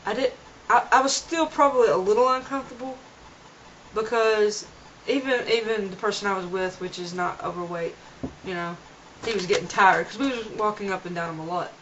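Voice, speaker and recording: In a casual vlog shot at home, a young woman talks earnestly and a little fast in a medium pitch, rambling and starting sentences over. Background noise comes through the camera mic's dull lo-fi sound.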